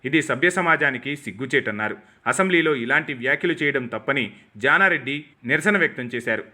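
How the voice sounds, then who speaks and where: A man reading scripted political news commentary in short, formal, measured sentences. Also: medium pitch, animated, pushed and bright. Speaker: news narrator.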